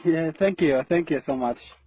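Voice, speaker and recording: A man's voice: on the high side, mellow, husky, no echo. Shy man on muffled call audio. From Sudan. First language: Arabic. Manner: hesitant, shy, halting. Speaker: guest on a live stream. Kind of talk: casual live-stream chat.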